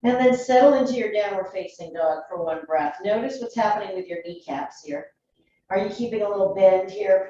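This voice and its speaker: A woman in her thirties guiding a yoga class in a calm, gentle voice, still a little froggy in the morning and clearing her throat now and then. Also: mid-range voice, a little hiss or hum. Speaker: yoga teacher. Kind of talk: guided yoga class instruction. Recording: dull, echoey room from a distance.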